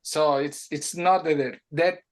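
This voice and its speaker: A man with a noticeable Italian accent and a fairly high speaking voice talks as a guest in a relaxed interview. He stops and restarts often, then rushes forward in animated bursts. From Italy. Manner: halting, many restarts and fillers, animated bursts. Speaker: music producer guest. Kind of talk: casual interview.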